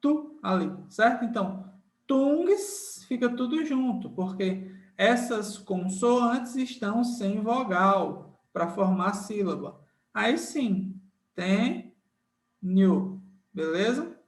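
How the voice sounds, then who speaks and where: A man's voice: high-pitched, expressive, slow pace, reverberant. A man teaching an online lesson in a friendly, informal way, repeating each rule and checking in with the students often. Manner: repeats key rules, frequent checking tags like "tá?" and "certo?"; uses many diminutives, friendly and informal. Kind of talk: online grammar lesson with screen sharing.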